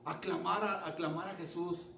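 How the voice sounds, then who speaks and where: A man preaching a sermon in an animated way, asking the congregation questions and restarting words. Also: sits high, normal speed, vocal fry, a little hiss or hum. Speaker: pastor. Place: church. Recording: echoey church room from far off.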